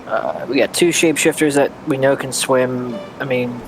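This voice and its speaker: A man playing in a tabletop game, casually thinking out loud and restarting his sentences. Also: mid-range voice, normal speed, noisy background. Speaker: player.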